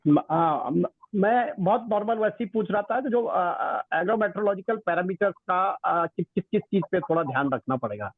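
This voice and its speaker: A man's voice: high-pitched, lively intonation, moderate pace, few pauses, no room sound. Man on a breaking-up phone line. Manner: hesitant, repeats "hello" and restarts his question. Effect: phone line breaking up, cutting in and out. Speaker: phone-in caller, professor. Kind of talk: caller asking a question on a phone-in show. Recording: tinny, dry phone line.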